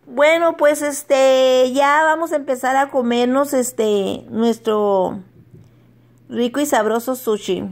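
Middle-aged woman vlogger, high-pitched, unhurried, giggly and homey. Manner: chatty, laughs often, stumbles over English words. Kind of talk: casual home vlog.

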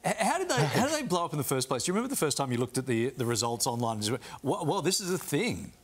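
A man co-hosts a breakfast TV interview. He talks fast and jokey, and his pitch jumps around in an animated way. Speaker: morning TV host. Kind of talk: light interview banter.

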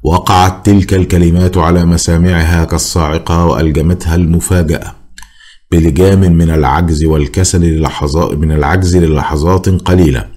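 A man narrating a novel aloud with a deep, low voice. His reading is measured and dramatic, in scripted audiobook style. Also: steady tone, darkish tone.

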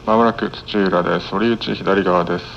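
A man's voice: low-pitched, fairly even intonation, moderate pace. A man working as a train conductor, making clipped, formulaic live announcements. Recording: muffled train PA, clear vehicle noise. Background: moving train noise.

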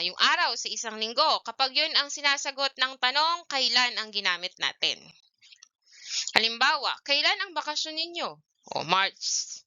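Woman teacher, grade-one lesson, very bright, lively up-and-down voice, smooth, dull lo-fi sound. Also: medium pitch, no room sound. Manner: animated, questioning, repeats "okay" and "yan".

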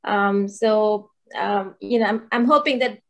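A woman who is a dental faculty panelist, speaking softly on a video call and often pausing with fillers. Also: medium pitch, fairly even intonation, creaky. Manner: soft-spoken, many fillers like um and you know. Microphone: laptop webcam on video call.

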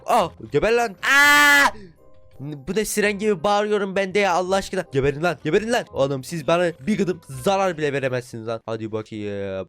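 Young guy gaming youtuber, hyped commentary, kinda high voice, yells at mobs, quiet music behind. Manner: excitable, shouts and swears at mobs, talks to viewers. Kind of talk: Minecraft let's play commentary.

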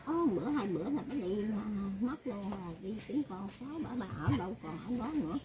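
A woman's voice: mid-range voice, expressive, a little fast. An elderly woman talking in a rambling, casual way, often laughing as she speaks. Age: older. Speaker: elderly woman being interviewed.

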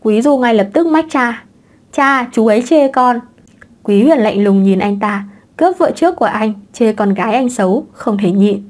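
A woman narrating a romance novel with an expressive storytelling reading. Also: medium pitch, moderate pace. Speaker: audiobook narrator.

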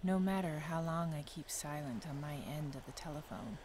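A woman voicing a lonely, yearning young woman in soft, measured poetic narration. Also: sits low, a little hiss or hum, lightly acted. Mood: wistful. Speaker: narrator of a short film.

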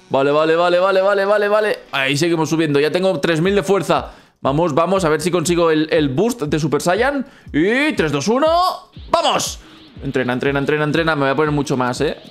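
Brief: playful young man, excited game commentary, repeats words in bursts. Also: fairly high pitch. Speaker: gaming youtuber.

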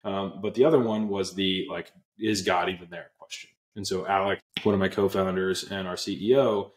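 Speaking through an earbud headset on a video call from a small room indoors, a young Pennsylvania man who co-founded an app tells his story as an interview guest. His low, steady voice moves at a moderate pace, and the audio has a roomy quality. He is earnest and casual, with frequent fillers and restarts.

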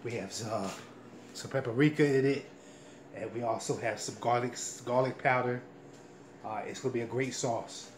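In a small, echoey home kitchen, a middle-aged man of medium pitch talks while cooking for his video, halting and repeating himself as he works through a casual demonstration. The sound comes from a camera or phone mic at shifting distances, noisy with clattering pots and roomy indoor echo.

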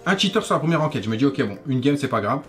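Rapid-fire and very animated, this twenty-something gaming YouTuber's bright, mid-range voice pours out a casual rant over gameplay, loaded with French street slang, swearing and familiar address. Faint music plays in his small bedroom.

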